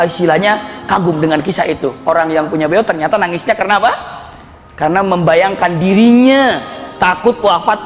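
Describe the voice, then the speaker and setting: A middle-aged man preaching a lively sermon full of stories, animated and often laughing, his voice leaping up for emphasis. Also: sits high. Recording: reverberant hall with faint music.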